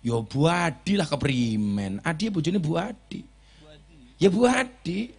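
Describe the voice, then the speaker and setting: A man's voice: a little high, lively intonation, a little slow, husky. A man with a Javanese accent preaching at a village gathering, joking and teasing the crowd. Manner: jokey, teasing the crowd, switching between Javanese and Indonesian. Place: outdoor village religious gathering.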